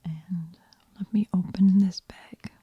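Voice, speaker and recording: A woman speaking in a hushed, whispery voice as an ASMR host, gentle and unhurried. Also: medium pitch, fairly even intonation, breathy edge, no echo, muffled recording. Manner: slow, unhurried, gentle murmur. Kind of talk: soft-spoken ASMR.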